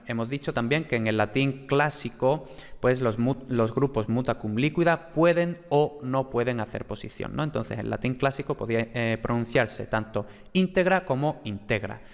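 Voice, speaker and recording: A man giving a relaxed, chatty lecture on Latin, full of fillers and little tag questions. He slows down to spell out syllables in his examples. His mid-range voice rings with a long reverb. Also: medium pitch. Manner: sounds out syllables slowly for examples. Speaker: Latin teacher. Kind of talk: casual spoken lecture.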